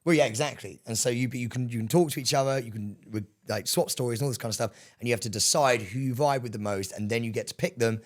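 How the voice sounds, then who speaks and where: A man's voice: medium pitch, quick pace, few pauses. A man co-hosting a podcast, chatting keenly and laughing a lot. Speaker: podcast co-host. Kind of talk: casual chat.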